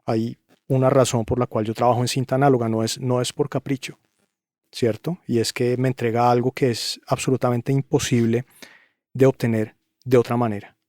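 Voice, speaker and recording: A man's voice: mid-range voice, flat delivery, brisk, darkish tone, dry recording, clean studio sound. A man speaking as a podcast guest, emphatic and opinionated, driving his points home with repeated rhetorical questions. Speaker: guest, audio engineer. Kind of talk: podcast interview.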